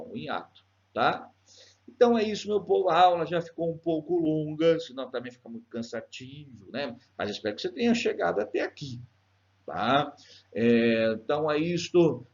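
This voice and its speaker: A male teacher giving a video lesson on poetry, chatty and self-deprecating, checking in often with tag questions. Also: medium pitch. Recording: dull lo-fi recording.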